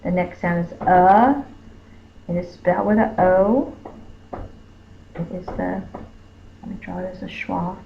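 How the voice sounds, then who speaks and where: A woman teacher, slowly sounding out letters and sounds in a phonics spelling lesson. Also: on the low side, fairly even intonation, vocal fry, a little hiss or hum. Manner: slow, careful, sounding out each letter. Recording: tinny phone-like lo-fi recording.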